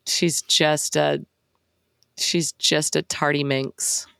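A woman's voice: low-pitched, flat delivery, slow, gravelly, a bit bright, clean tone, no echo, clean studio sound. A woman co-hosting a podcast, talking frankly and wryly in casual conversation, with many "like"s. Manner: frank, wry, lots of "like". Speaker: podcast co-host.

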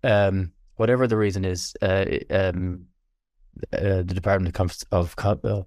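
A man with a west of Ireland accent chatting casually in an interview, halting and repeating words as he thinks. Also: low voice, steady tone, darkish tone, no echo, clean studio sound. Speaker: fly fishing guest.

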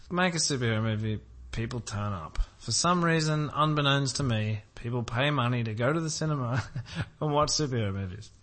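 A man's voice: mid-range voice, moderate pace, fairly bright tone. Sarcastic man co-hosting a podcast. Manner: dry and sarcastic, laughs at his own jokes. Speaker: podcast co-host. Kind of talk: casual chat.

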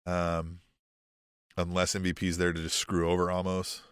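A man's voice: low voice, completely flat delivery, normal speed, a bit bright, clear, resonant tone, no echo, studio quality. A man hosting a podcast in casual, profane, rambling chat with a sardonic edge. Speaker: podcast host.

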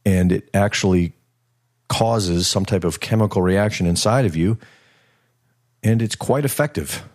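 A man hosting a casual solo podcast, reading out listener comments in a rambling, relaxed way with many ums and restarts. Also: sits low, unhurried. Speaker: podcast host.

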